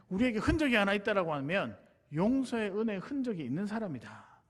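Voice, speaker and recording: A middle-aged male pastor from Busan, preaching a sermon and telling a personal story in an earnest, confessional way that speaks straight to his congregation. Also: fairly high pitch. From Busan, South Korea. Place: church sanctuary.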